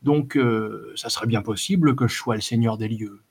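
A man's voice: fairly low pitch, moderate pace, gravelly, darkish tone, slightly rough. A man playing a fat, sly bandit chief. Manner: drawling, hesitant, crafty. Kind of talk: audiobook character voice.

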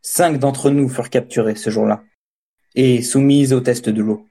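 A man reading a first-person story as an audiobook narrator, in a measured, steady storytelling voice. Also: medium pitch. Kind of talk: scripted narration.

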